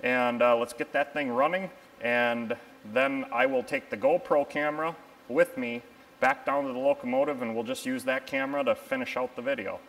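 A man's voice: mid-range voice, sing-song, moderate pace, gravelly, a bit bright, rough recording. A man in his thirties, a locomotive mechanic, explaining repair work in a casual technical way with frequent ums, recorded on a lapel mic in a machine shop. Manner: matter-of-fact, technical, with frequent ums and uhs.

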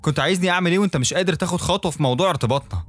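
A young woman with an Egyptian accent pours out pleading reproach, as a man voices her in a storybook reading. She talks fast over a faint bed of music. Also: lowish voice, natural voice. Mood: heated. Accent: Egyptian Arabic. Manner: pleading, rising to heated reproach. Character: young woman confronting her ex-lover, emotional.

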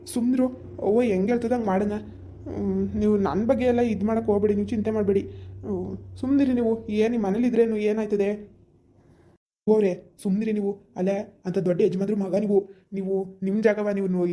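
A woman voicing a young son-in-law who calmly talks his mother-in-law round in a village family drama. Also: mid-range voice, natural voice. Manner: persuasive, repeated appeals. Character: reasonable young son-in-law, calm persuader.

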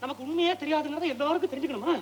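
High-voiced cheeky guide, broke and hungry, talks and talks, faint hiss behind. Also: male voice, racing, poor audio. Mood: scheming. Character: poor wisecracking male tour guide, young adult. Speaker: tour guide. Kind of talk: 1960s film comedy acting.

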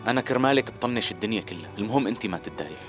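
An actor dubbing a drama in Syrian Arabic, playing a smitten young man who speaks softly and affectionately. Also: on the low side, expressive, rapid-fire, soft background music, natural voice. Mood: tender. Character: smitten, wealthier young man courting a woman. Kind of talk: dubbed TV drama.

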